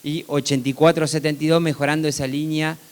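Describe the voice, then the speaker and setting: A man's voice: on the high side, flat delivery, quick pace, darkish tone. A man with an Argentine accent gives a technical product presentation conversationally, often checking in with short tag questions. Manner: conversational, seeking agreement with frequent tag questions. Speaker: seed company presenter.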